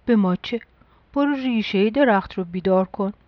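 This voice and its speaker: A woman's voice: mid-range voice, no room sound, highs cut off, lightly acted. A woman voicing grumpy tree branches who answer in an annoyed, dismissive way. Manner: grumbling, dismissive.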